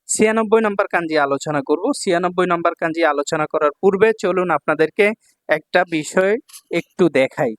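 High-voiced man teaching a kanji lesson. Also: no echo, clean studio sound. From Bangladesh. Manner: repeats readings, checks in with "okay?" often. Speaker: Japanese language teacher. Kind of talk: kanji lesson explaining readings.

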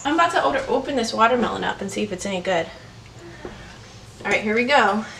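A middle-aged woman vlogging about her backyard garden chats cheerfully to her handheld camera while working outdoors, her voice fairly high, expressive, fast, creaky and a bit bright. The low-quality camera-mic audio carries a little hiss or hum, with faint insects and crickets behind her.

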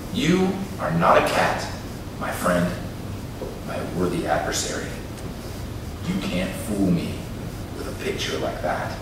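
Poet reading aloud in an echoey hall. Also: male voice, mid-range voice. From Minnesota, USA. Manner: measured reading with wry, offhand asides. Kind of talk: live poetry reading. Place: university reading room before an audience. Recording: echoey room, distant mic, background noise.

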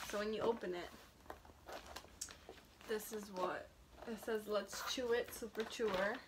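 A woman's voice: mid-range voice, a bit bright. A young woman chatting casually as she unboxes a package, rambling and trailing off mid-sentence. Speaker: vlogger. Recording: noisy home recording.

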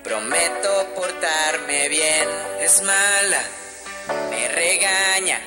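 A woman's voice: fairly low pitch, lively intonation, very slow. A woman singing a children's song in the voice of a scolded child pleading with her mother, in a sing-song way. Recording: song track with loud music. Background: loud music.

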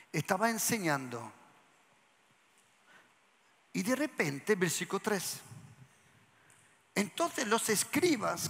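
A pastor preaching to his congregation, moving hushed whispers to shouts and asking the crowd questions. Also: sits high, vocal fry. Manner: asks the congregation questions and has them repeat lines. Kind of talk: lively sermon to a congregation. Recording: church hall with long reverb.

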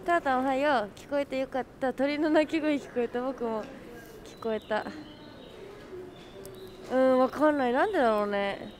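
A woman's voice: sits high, normal speed, pauses often. A woman live-streaming outdoors, chatting casually with her viewers and friends and laughing often. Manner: bubbly, greets chat, laughs often. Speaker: livestreamer.

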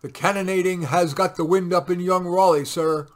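A man's voice: a little high, brisk, natural voice. Worried deferential army sergeant read by a guy, storybook style. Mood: anxious. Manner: deferential, urgent.

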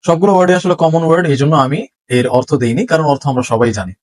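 A man teaching English pronunciation in a lesson, saying each word slowly and clearly twice so learners can repeat it. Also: a little high, a little mellow, poor audio. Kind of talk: spoken language lesson.

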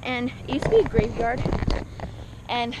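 A woman's voice: sits high, very animated, normal speed, vocal fry. A teenage girl vlogging casually as she walks through town, talking with lots of "like" fillers. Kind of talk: casual walking vlog. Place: outdoors on town streets. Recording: loud outdoor street noise.

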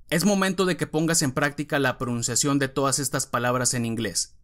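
A man teaching vocabulary, reading words one at a time with clear, careful pronunciation and pauses between them. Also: medium pitch, fairly bright tone. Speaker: English teacher.

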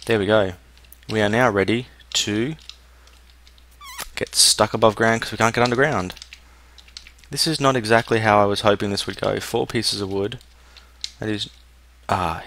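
A man's voice: on the low side, steady tone, moderate pace, creaky, a bit bright, slight background noise. A young man giving casual let's-play commentary, muttering and thinking aloud as he plays. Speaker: gameplay commentator.

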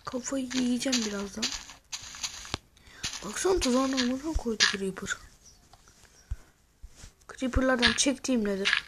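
A woman commenting on her own gameplay in a loose, chatty way, cursing freely and shouting at the monsters on her screen. Her voice sits fairly high, and she bursts into loud excited yells. The recording carries a clear layer of background noise. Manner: swears a lot and scolds the game's creatures. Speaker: gamer. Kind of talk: casual let's-play commentary. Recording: noisy home recording.

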